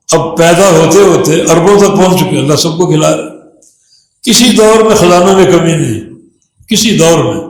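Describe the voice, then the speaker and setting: Man preaching a sermon in an echoey mosque. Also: on the high side. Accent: Pakistani Urdu. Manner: preaching, tells a parable with rising emphasis. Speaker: imam. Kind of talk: Friday sermon. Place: mosque hall.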